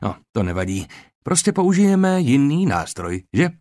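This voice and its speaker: A male narrator voicing a calm, methodical Roman army surgeon in an audiobook, speaking in a steady, instructive, lowered tone. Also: dry recording, clean studio sound, close to an everyday voice. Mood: measured. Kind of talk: audiobook character reading.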